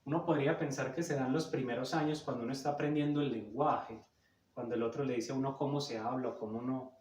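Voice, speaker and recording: A man's voice: medium pitch, fairly even intonation, fast, darkish tone. Male lecturer, emphatic teaching tone, echoey room, sits back from the mic. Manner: didactic, emphatic, checks in with "cierto?". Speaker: psychoanalysis lecturer. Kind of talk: explanatory talk on psychoanalysis. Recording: roomy echo, a bit far from the mic.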